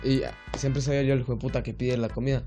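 A young man with a Guatemalan accent co-hosting a podcast, telling animated, profane stories. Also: mid-range voice, fast, soft background music. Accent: Guatemalan Spanish. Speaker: podcast co-host. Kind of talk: casual chat.

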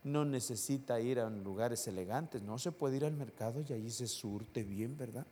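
A man preaching a sermon to his congregation, asking rhetorical questions and swinging between loud and soft. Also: medium pitch, moderate pace, a little hiss or hum. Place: church hall. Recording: long hall reverb.

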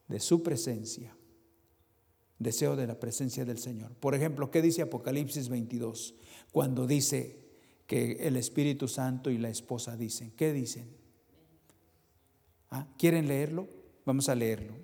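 A male preacher reading scripture and questioning the congregation, moving between loud emphasis and quiet asides. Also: medium pitch, a little slow, creaky, pauses often. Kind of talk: sermon with Bible reading. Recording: long hall reverb.

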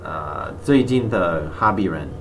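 A man's voice: low-pitched, animated, slow. A man who is a native English speaker, talking hesitantly in learner's Mandarin with a foreign accent in a casual language-exchange chat. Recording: distant microphone, clearly noisy background.

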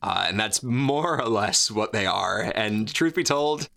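A man's voice: lowish voice, expressive, a little slow, vocal fry, pushed and bright. A man co-hosting a podcast, chatting casually in a rambling, jokey way full of fillers and restarts. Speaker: podcast co-host. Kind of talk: casual chat.

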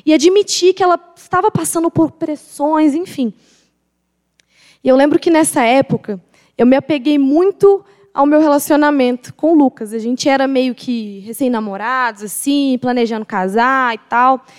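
Young woman, high voice, emphatic testimony, long hall echo. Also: normal speed, a little mellow. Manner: emphatic, confessional, repeats phrases for weight. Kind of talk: personal faith testimony.

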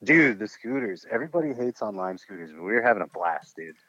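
Young man, podcast host, very low voice, casual slangy banter, muffled dry recording. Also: very animated, fast talker, a bit bright. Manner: laid-back, slangy, laughs often. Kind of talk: casual chat. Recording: muffled dull sound.

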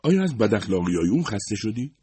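A man's voice: fairly low pitch, very animated, mellow, a little hiss or hum, pitched above the performer's own voice. A man voicing a curious, earnest young woman who asks polite, probing questions.

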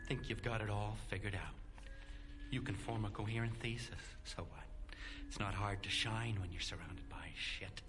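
A man's voice: lowish voice, moderate pace, music in the background, lightly acted. A man playing a sneering, cruel professor. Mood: contemptuous. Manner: sneering, contemptuous, insulting. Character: bitter, cruel male professor berating students.

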